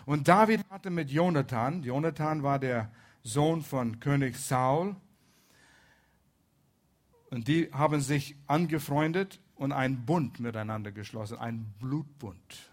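A man preaching a sermon, retelling a Bible story and shifting between soft asides and loud emphasis. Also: mid-range voice.

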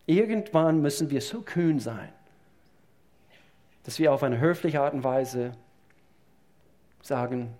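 A man's voice: a little high, expressive, a little slow, pauses often, warm tone. A man preaching a sermon to his congregation, emphatic and repeating key phrases as he speaks to them directly. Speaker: pastor. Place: church service.

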